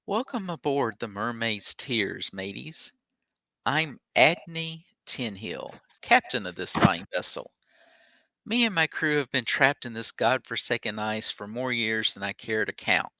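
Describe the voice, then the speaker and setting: A man voicing the gruff ghost of an old sea captain in salty sailor talk for a tabletop game. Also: mid-range voice, big pitch swings, unhurried, pushed and bright, no echo, heavily acted. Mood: hearty, bargaining. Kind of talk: tabletop role-play.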